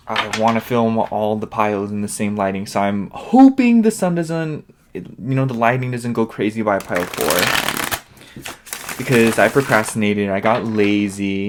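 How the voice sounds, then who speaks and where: In a very noisy recording, a man with a fairly low voice speaks unhurriedly while giving a casual tarot reading. Sniffly and nasal, he rambles and chats, leaning heavily on fillers.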